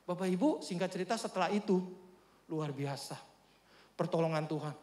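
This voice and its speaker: A man preaching, telling a lively, humorous story to his congregation. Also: high voice, moderate pace. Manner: animated, humorous, addresses congregation often. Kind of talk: storytelling sermon. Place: church hall. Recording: echoey church hall.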